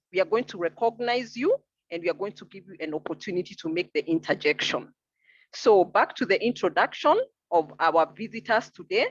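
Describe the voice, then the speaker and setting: A woman with a husky, mid-pitched voice chairs an online meeting in a polite, formal way. The call sounds muffled and lo-fi. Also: no room sound. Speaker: meeting moderator.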